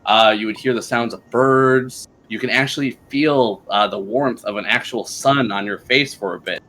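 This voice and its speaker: Bright-voiced man running a tabletop game. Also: medium pitch, normal speed, a little hiss or hum. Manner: easygoing, hesitant with fillers. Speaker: game master. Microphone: streaming microphone.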